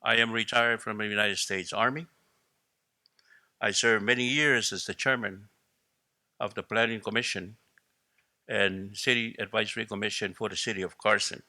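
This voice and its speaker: A middle-aged man moderating a panel in a formal, measured way. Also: lowish voice, steady tone, pushed and bright, no echo, clean studio sound.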